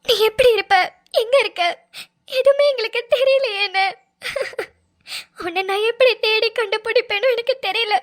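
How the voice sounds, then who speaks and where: A woman's voice: extremely high pitch, normal speed, pauses often. Woman voicing a tearful cartoon daughter. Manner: tearful, earnest pleading. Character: young daughter missing her lost brother.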